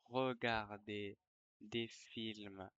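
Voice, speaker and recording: A teacher dictating slowly to language learners, word by word, repeating phrases and calling out punctuation. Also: mid-range voice, fairly even intonation, a bit bright, clean tone, dry recording, lo-fi sound. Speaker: French teacher.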